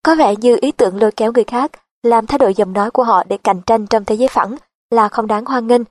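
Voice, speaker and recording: A woman reading a nonfiction audiobook in an even, measured narration style. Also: fairly high pitch, no echo.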